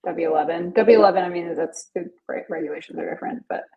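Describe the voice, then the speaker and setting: A woman's voice: lowish voice, fast, narrow, tinny audio, a crowd in the background. A woman co-hosting a podcast in casual chat, upbeat and playful, who wraps up the show. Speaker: podcast co-host.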